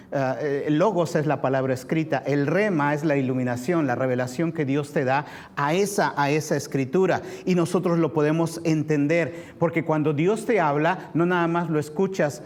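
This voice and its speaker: Emphatic male pastor preaching, fairly high voice. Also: a little mellow. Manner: emphatic preaching, slow repeated stresses, speaks straight to listeners. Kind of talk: sermon.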